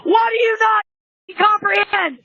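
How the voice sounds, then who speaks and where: Woman yelling through a doorbell speaker. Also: very high voice, fairly even intonation, takes it slowly, dry recording, muffled recording. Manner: yells furious profanity, ordering officers away. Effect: heard through a doorbell camera speaker.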